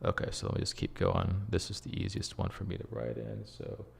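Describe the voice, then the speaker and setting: A man's voice: on the low side, fairly even intonation, a little fast, gravelly, slight background noise. A man composing at his computer, talking through his process casually and muttering and humming phrases as he writes. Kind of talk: casual screen-share tutorial, thinking aloud.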